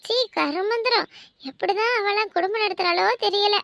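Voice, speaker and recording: Nosy village gossips in a cartoon, voiced by a woman, trading spiteful talk about the neighbours. The voice is very high-pitched and dry, recorded close with no room sound. They sneer and tut as they talk. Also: normal speed, creaky, a bit bright, no echo, full character voice. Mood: gossipy. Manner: gossipy, scornful. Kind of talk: cartoon voice acting.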